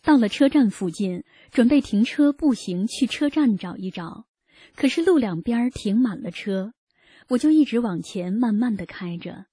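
A woman reading her own first-person story aloud in an earnest, measured way. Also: fairly high pitch, lively intonation, mellow, breathy edge, no echo, clean studio sound. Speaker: narrator of a personal testimony. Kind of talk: read first-person narration.

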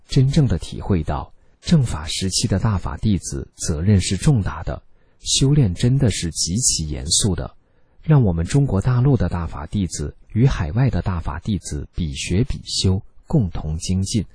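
A man's voice: sits low, darkish tone, slightly rough, dry recording. A man reading a religious sharing article aloud in an earnest, admonishing tone. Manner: exhorting, admonishing tone.

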